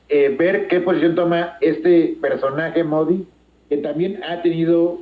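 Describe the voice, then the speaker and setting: A man analysing the news in a radio interview, speaking with many hesitant filler sounds, heard over fading shortwave radio. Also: on the high side. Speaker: political analyst guest. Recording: muffled, roomy, noisy shortwave broadcast.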